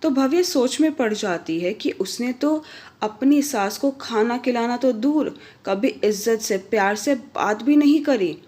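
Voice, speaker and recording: A woman's voice: animated, measured pace, darkish tone. Woman narrating a family story. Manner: voices each character's lines with raised pitch and volume. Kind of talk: scripted story narration with acted dialogue.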